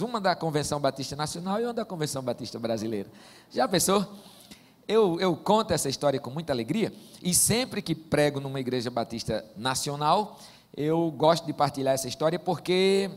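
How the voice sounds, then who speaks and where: A man, preaching as a pastor and telling stories in a folksy, joking way. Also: on the high side. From Northeast Brazil. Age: 40s. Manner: warm joking storyteller, folksy asides. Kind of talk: sermon. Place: church sanctuary. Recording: long church-hall reverb.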